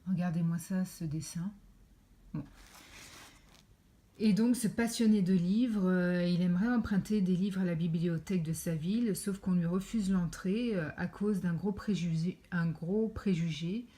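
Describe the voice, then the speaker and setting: A woman's voice: on the low side, measured pace, dark tone. A woman reviewing books in a casual vlog, chatty and full of fillers as she shows pages to the camera. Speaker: book reviewer.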